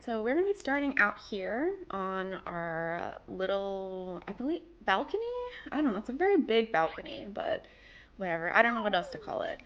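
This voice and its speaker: Recorded with lo-fi sound on a desk microphone, a young woman with a mid-range, slightly worn-out voice narrates her game build. She's casual and chatty, wandering a little and teasing herself along the way.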